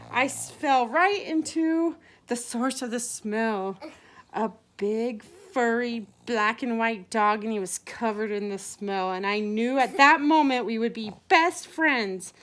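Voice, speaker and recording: Woman, storyteller, playful, laughs a lot, slow unhurried delivery, high voice. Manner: animated, playful, laughs often while telling. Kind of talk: improvised bedtime-style story for a child.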